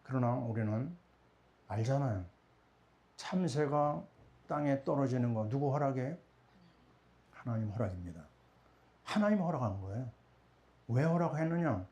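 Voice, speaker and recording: A middle-aged man delivers a Sunday sermon in a warm, mellow voice at an ordinary pitch. He keeps posing questions to the congregation and answering them himself. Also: expressive, a little slow, long pauses, lo-fi sound. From Korea. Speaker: pastor.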